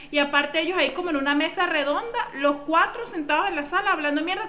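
Brief: Venezuelan woman co-host, high and bright voice, quick slangy storytelling. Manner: animated storyteller, slangy, calls people "mi amor". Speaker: podcast co-host. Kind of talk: casual podcast chat.

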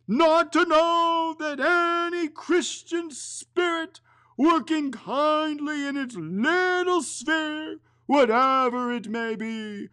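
A man voicing the anguished ghost of an old miser bound in chains, wailing slowly and drawing out his words. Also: very high-pitched, fairly bright tone, pitched above the performer's own voice, exaggerated voice. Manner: wailing, slow and drawn out.

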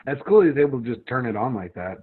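A man co-hosting a podcast, chiming in with quick interjections and laughing along. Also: medium pitch, very animated, slightly rough. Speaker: podcast co-host. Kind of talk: casual chat. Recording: tinny phone-like line.

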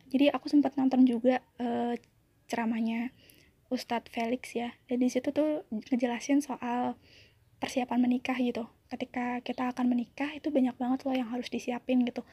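A young woman with a high, slightly husky voice talks casually and confidingly about her own life, dropping in lots of little fillers. Her tone is mellow rather than bright, and the recording is close and dry. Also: dry recording. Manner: chatty, confiding, many fillers. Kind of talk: casual personal sharing.

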